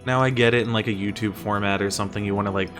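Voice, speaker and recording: Very fast and a bit bright, his low-leaning voice stays fairly even as he explains presentation tips casually. The American streamer and teacher keeps posing exasperated rhetorical questions and frequently answers them himself, with music playing in the background.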